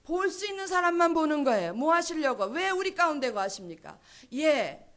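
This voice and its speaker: A woman's voice: high-pitched, big pitch swings, normal speed. A woman preaching a sermon at a church service, emphatic and full of rhetorical questions. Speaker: pastor's wife preaching.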